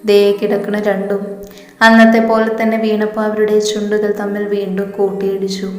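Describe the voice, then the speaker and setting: A woman reading a romance story aloud in a colloquial way, voicing every character herself. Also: mid-range voice. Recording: roomy echo with long reverb.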